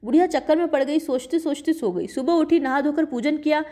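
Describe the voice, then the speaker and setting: A woman's voice: high-pitched, a little fast, dark tone. A woman, narrating devotional folk tales in a plain, homely storytelling tone.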